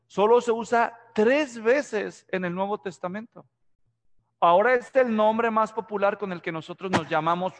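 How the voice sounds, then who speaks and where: A man's voice: sits high, fairly bright tone, long reverb tail. A man from Mexico preaching an expository sermon, often asking the congregation questions. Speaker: pastor.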